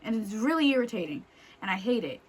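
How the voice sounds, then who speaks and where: A young woman talks straight to her camera in a casual, unscripted rant. Her voice sits a little on the high side, and she is blunt, exasperated and liberally profane, hammering her points home. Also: big pitch swings, fast, slightly rough. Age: young adult. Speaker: vlogger.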